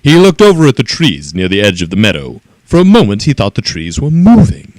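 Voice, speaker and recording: Male storyteller, lowish voice, animated reading, dry close sound. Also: brisk, dry recording. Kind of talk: children's story read-aloud.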